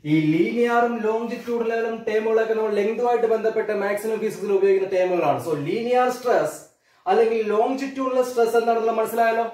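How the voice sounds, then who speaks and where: A man with a Malayali accent gives a physics lesson in a fairly high voice. He keeps checking on his students with questions and repeats the key terms slowly. His voice comes from a little way off the mic in an echoey room. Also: steady tone, darkish tone, far from the mic. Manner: keeps asking students questions, calls them children. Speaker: physics teacher. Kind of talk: classroom lecture.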